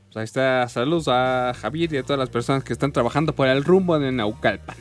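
A man's voice: mid-range voice, fast talker, faint music behind. A man with a Mexican accent co-hosting a live radio show, chatting casually and sending greetings to listeners. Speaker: radio co-host.

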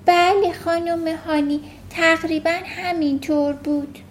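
A woman's voice: very high-pitched, steady tone, a little hiss or hum, voice pushed up. Matilda, a woman voicing an earnest little girl. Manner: earnest, plain-spoken. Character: earnest little schoolgirl with strange powers.

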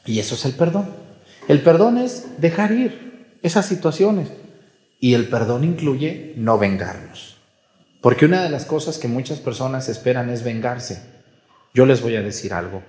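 A Mexican priest gives a conversational sermon at Mass, often tossing questions to the congregation and slipping into playful voices when quoting people. His mid-pitched voice is expressive and a little mellow at normal speed. It rings around a large church with a long, trailing reverb.

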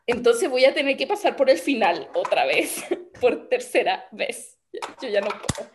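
A young Chilean woman chats casually on a podcast, her voice sitting a little high. She rambles and giggles, trailing off mid-word and starting over. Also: very animated, measured pace, noisy background. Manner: chatty, trails off and restarts, giggly. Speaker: podcast co-host. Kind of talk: casual chat.

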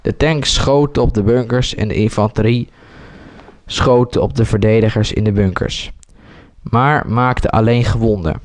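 A man reading a homemade war story aloud, halting with slips and restarts. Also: lowish voice, a little mellow.

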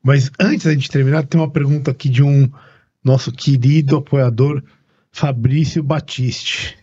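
A man's voice: medium pitch, fairly even intonation, moderate pace, dark tone, breathy edge, lo-fi sound. A Brazilian man hosting a podcast in casual chat, blunt, slangy and given to swearing. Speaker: podcast host.

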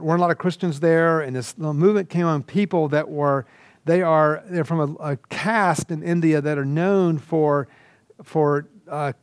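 A middle-aged man from Georgia, teaching a recorded lesson and telling lively stories. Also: fairly high pitch, no echo, clean studio sound. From Georgia, USA. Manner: animated storytelling with asides. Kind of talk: recorded lecture.

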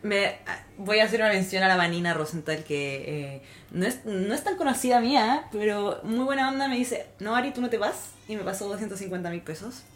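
A woman's voice: medium pitch, fairly quick. A young woman with a Chilean accent, co-hosting a podcast in casual storytelling chat, chatty and quoting others. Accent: Chilean Spanish. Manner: chatty, laughs often, quotes others. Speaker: podcast co-host. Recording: echoey room.

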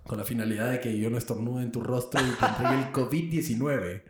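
Guy cracking jokes on a podcast, mid pitch, roomy echo on the mic. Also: fast, background noise. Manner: animated, joking storyteller. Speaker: podcast co-host. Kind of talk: casual chat.

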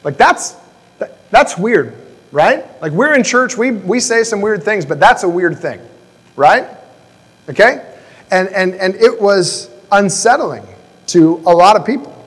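A male pastor with a high voice delivers a sermon in a casual, conversational manner, moving between scripture reading and loose explanation. His voice carries a long reverb from the church hall. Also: animated, measured pace, slightly rough.

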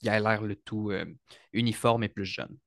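Quebec guy, 30s, hairstylist guest, low voice, relaxed and hesitant, dry close sound. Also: moderate pace, creaky, dry recording. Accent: Quebec French. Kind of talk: casual interview.

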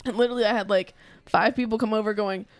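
Fast-talking laughing woman on a podcast. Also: medium pitch, fairly even intonation, no room sound. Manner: chatty and quick to laugh. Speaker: podcast co-host. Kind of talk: casual podcast chat.

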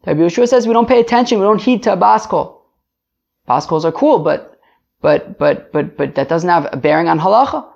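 Gravelly man explaining a Talmud lesson. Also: fairly quick. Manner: animated explaining, lively pitch jumps for emphasis. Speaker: Talmud teacher. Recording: dull lo-fi sound.

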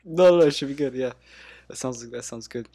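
A man's voice: mid-range voice, fairly quick, creaky, warm tone, husky. A man hosting a casual podcast game, explaining with many ums and laughing often. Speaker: podcast host.

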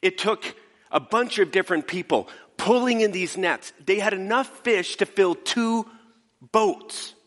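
A male pastor giving a casual sermon, retelling a story in an animated way. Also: high voice, measured pace, in a large hall. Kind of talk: conversational sermon.

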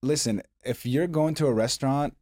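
A man's voice: mid-range voice, normal speed, a little mellow, no room sound, studio quality. A man hosting a casual interview, speaking emphatically as if making a point. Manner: emphatic, lecturing. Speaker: podcast host.

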